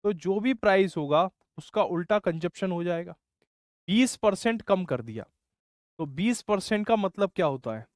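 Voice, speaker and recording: High-voiced maths teacher. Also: male voice, animated, moderate pace, no echo, studio quality. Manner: scolding, explains step by step, says bhai often. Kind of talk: online class lecture.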